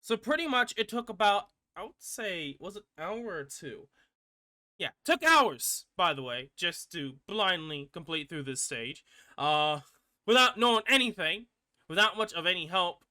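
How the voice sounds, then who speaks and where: Bright lively man rambling about a game. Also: sits high, a little slow, dry recording, clean studio sound. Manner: rambling, restarts often, swears casually. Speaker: gaming channel host. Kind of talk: casual gameplay commentary.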